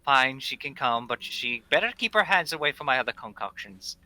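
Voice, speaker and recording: A man's voice: mid-range voice, animated, a little fast, bright, forceful tone, low-quality recording. A man voicing a sassy, cross-dressing male potion seller in a tabletop game, with a mock-snippy, haughty manner. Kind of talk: in-character tabletop role-play.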